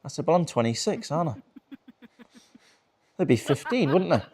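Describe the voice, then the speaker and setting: Young guy comic roasting the crowd, swears a lot, laughs at his own jokes, mellow dark voice. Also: fairly high pitch, lively intonation, normal speed, husky. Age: 20s. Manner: crude, teasing, laughs often. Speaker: stand-up comedian doing crowd work. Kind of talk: crowd work in a virtual reality comedy show.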